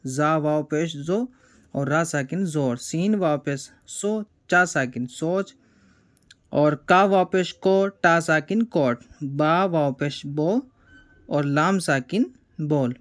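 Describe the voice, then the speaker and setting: A man from India teaching reading, spelling words out letter by letter in a slow, deliberate way. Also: on the high side.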